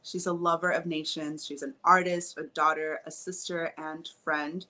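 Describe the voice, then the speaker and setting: A woman's voice: sits low, flat delivery, moderate pace. A woman co-hosting a podcast, chatting casually and laughing as she tells stories. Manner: warm storytelling, frequent laughs. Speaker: podcast co-host.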